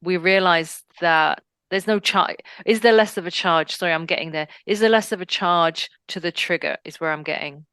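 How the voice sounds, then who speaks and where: A woman hosts an interview with a smooth, lowish voice recorded dry and close. She affirms her guest often and asks her questions in an encouraging way. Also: moderate pace, few pauses, no echo. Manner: warm, affirming, lots of encouraging murmurs. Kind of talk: interview conversation.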